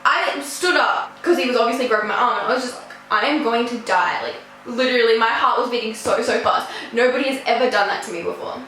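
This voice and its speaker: A woman's voice: on the high side, fast talker, few pauses, soft background music. Chatty teenage girl, echoey room. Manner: chatty, animated, swears casually. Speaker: vlogger. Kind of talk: casual storytime.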